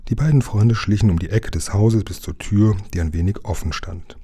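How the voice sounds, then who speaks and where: Guy reading a kids book out loud, low mellow husky voice. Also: moderate pace. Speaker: reader. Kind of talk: reading a children's book aloud.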